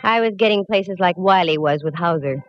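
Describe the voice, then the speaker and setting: Soft background music plays under a lowish, everyday-sounding female voice in a dull old 1940s radio broadcast. She plays a dry, hardboiled woman private eye who narrates and fires off quick quips with a wry edge.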